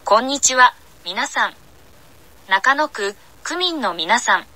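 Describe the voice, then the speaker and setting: A woman making an election loudspeaker announcement, addressing passers-by deliberately, phrase by phrase. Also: on the high side, lively intonation. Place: outdoor paved city plaza.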